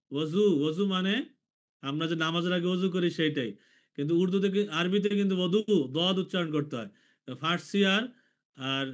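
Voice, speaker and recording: A man from Bangladesh teaching an online language class, slowly repeating each letter for his students. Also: high voice, fairly bright tone. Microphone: video call.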